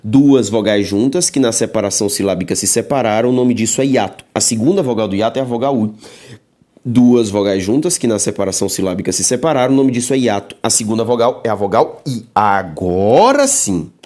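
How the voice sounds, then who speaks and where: A male grammar teacher delivers a recorded lecture with a lively, swooping voice that rises sharply on questions. He is emphatic, keeps checking in with the listener, and breaks words into syllables slowly. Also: fairly low pitch.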